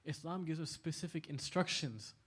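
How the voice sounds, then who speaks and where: Animated man giving an Islamic talk. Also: on the high side, moderate pace, breathy edge. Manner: conversational, animated, laughs often. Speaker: lecturer at an Islamic center. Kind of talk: casual talk to a youth audience. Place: large indoor hall.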